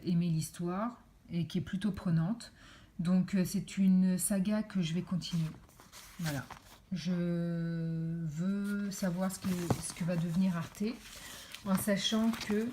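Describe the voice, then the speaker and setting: A woman with a lowish voice and a dark tone reviews books in a casual vlog. She's chatty and uses lots of fillers while holding pages up to the camera.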